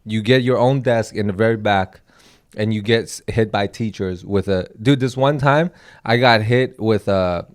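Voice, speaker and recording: A young man from Taiwan co-hosts a casual comedy podcast, his fairly low voice smooth and moderately paced. He rambles through stories and acts out the quotes.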